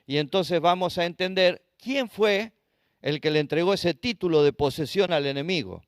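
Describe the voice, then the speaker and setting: High-voiced Argentine man teaching the Bible. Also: normal speed, no room sound, studio quality. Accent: Argentine Spanish. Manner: asks the class rhetorical questions and spells out Hebrew words. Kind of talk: Bible study lesson. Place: church.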